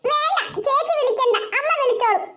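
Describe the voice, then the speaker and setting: A woman's voice: extremely high pitch, fairly quick. A woman voicing a stubborn little schoolgirl in a cartoon, whiny and sobbing as she talks. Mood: tearful. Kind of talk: cartoon voice acting.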